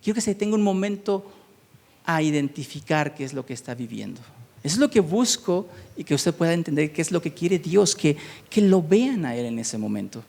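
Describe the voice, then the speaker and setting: A man preaches with a high, lively voice that rises and falls a lot. He stumbles and repeats words as he talks to his congregation, and a long reverb trails behind him in the hall. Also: brisk, creaky. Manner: expressive, repeats words and restarts while searching for them; reads scripture aloud then explains it to the congregation. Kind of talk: sermon. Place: church hall.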